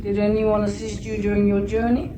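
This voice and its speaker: A woman with a voice of ordinary middle pitch interviews a guest. She asks formal questions in a polite, deliberate and admiring way. Steady background noise sits under her voice.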